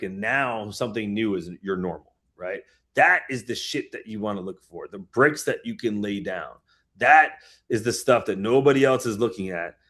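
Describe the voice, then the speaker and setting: A man's voice: lowish voice, a bit bright. A man coaching a group on a call, emphatic and motivational, swearing freely. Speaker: fitness coach.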